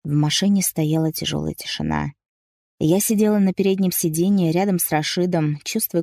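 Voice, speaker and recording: A woman's voice: lowish voice, dark tone, no room sound. A woman narrating a first-person audiobook story with dramatic, emotional delivery.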